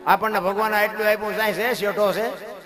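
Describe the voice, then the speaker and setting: A middle-aged man giving a devotional folk storytelling talk, swinging from low asides to loud shouted emphasis. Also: steady tone, fairly quick. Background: instrumental music.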